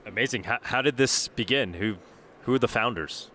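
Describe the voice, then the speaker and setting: A man interviewing guests in a bright, mid-pitched voice, restarting and repeating words as he gropes for each question. A faint convention hum runs behind him. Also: moderate pace. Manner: stumbling restarts, repeats words when asking. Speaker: podcast host, interviewer. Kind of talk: casual interview. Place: busy convention venue.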